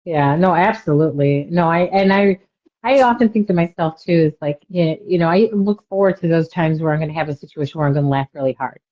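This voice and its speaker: A woman's voice: low voice, brisk. A woman co-hosting a casual chat, rambling along with lots of "you know" asides. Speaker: podcast co-host. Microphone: webcam or video call mic. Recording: dull lo-fi sound.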